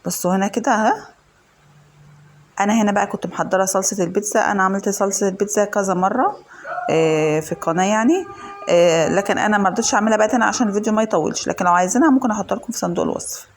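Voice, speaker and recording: A woman with an Egyptian Arabic accent, slightly hoarse from a cold, chatting to viewers as she walks them through a home cooking recipe. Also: medium pitch, rapid-fire. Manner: chatty, addresses viewers directly, lots of fillers. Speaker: home cooking channel host. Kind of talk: casual cooking tutorial. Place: home kitchen.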